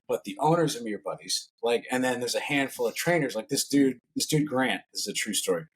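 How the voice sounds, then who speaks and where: A man's voice: medium pitch, expressive, slightly rough. A man, a personal trainer and podcast guest, telling stories in a loose, slangy, casual way. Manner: fast, loose, slangy storytelling.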